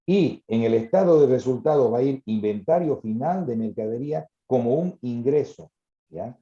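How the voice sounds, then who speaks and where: A man's voice: medium pitch, lively intonation, normal speed, warm tone, roomy sound, muffled recording. A man teaching an accounting class, explaining patiently and checking that students follow. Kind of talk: classroom lecture.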